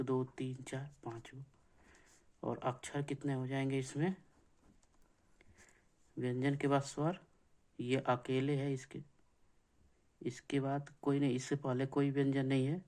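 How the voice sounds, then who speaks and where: A man teaching an exam-prep grammar lesson, slow and repetitive, counting things out and asking checking questions. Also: medium pitch, a little mellow.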